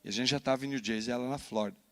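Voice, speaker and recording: Brazilian pastor guy preaching in church, tells his story all animated, keeps tacking on né. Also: mid-range voice, rapid-fire. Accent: Brazilian Portuguese. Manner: animated storytelling with frequent "né?" tags. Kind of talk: sermon storytelling.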